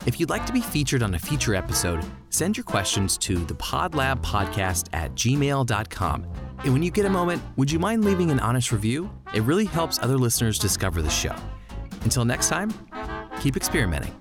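A man's voice: medium pitch, huge pitch swings, a little fast, over music. A man hosting a podcast, asking questions and signing off in an upbeat, friendly way. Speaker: podcast host. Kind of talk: hosting and interviewing.

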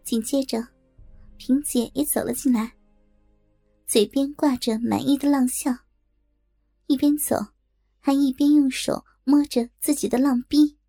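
A woman narrating a first-person audiobook in a confiding tone. Her voice is high but mellow, with a gravelly, husky edge and soft music underneath. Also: steady tone, unhurried, pauses often.

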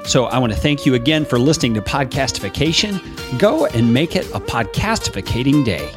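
A man's voice: mid-range voice, sing-song, brisk, loud music behind the voice. A man hosting a podcast, his voice carrying an echoey room sound, talking in a plain conversational way. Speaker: podcast host. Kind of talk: interview and podcast sign-off.

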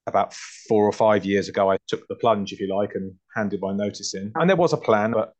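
A man's voice: fairly low pitch, fairly quick, dull audio. A man in his forties with an English home counties accent, answering interview questions conversationally and often rephrasing as he goes. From southern England (north London and Hertfordshire). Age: 40s. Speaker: podcast guest, butcher and farm shop founder.

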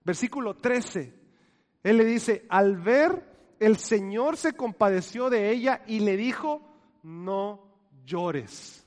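In a large hall, a pastor with a high voice delivers his sermon, sinking to near-whispers before rising loud again. He asks the congregation questions and leads them in repeating words.

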